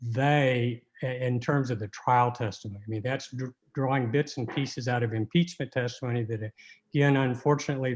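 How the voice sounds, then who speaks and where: Halting male lawyer arguing a case. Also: mid-range voice. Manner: halting, argumentative, repeating words as he goes. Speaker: appellate lawyer. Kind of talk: oral argument in court.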